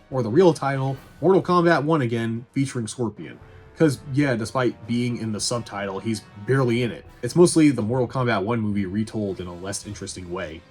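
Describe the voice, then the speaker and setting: A man hosts a video essay reviewing movies, doing a casual, opinionated voice-over that's blunt and sweary, with wry asides. His mid-range voice has a darkish, slightly rough tone, with background music playing.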